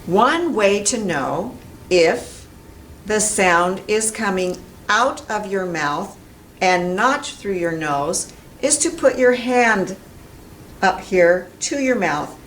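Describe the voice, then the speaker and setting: Speaking in an animated, slightly bright medium-pitched voice, an American pronunciation teacher in middle age carefully articulates sounds and words for the camera. She's in a small whiteboard classroom, and the far-off camera mic gives a roomy sound with faint background noise.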